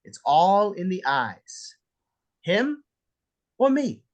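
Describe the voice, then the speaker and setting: A man's voice: high-pitched, big pitch swings, very slow, exaggerated voice. A man playing a menacing, jealous armed husband in a script read, sarcastic, theatrical and profane. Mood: suspicious. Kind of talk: table read of a film script. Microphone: video call.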